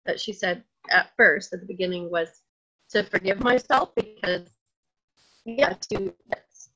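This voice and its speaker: A woman on a video call, sharing in a soft, halting way and sounding moved, searching for her words. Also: medium pitch. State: emotionally moved. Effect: heard over a video call. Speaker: workshop participant. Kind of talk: personal sharing in a group call. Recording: dull, lo-fi video call audio.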